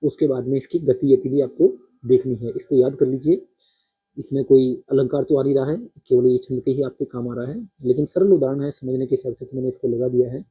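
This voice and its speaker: A man teaching a poetry-meter lesson, counting syllables aloud slowly and speaking directly to his students. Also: medium pitch, husky, phone-quality sound.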